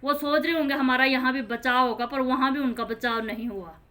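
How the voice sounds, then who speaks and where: A woman gives an earnest, informal Bible explanation in a high, bright, ringing voice. She keeps restating each verse in her own plain words. She speaks directly to her listeners. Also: fairly even intonation, fairly quick.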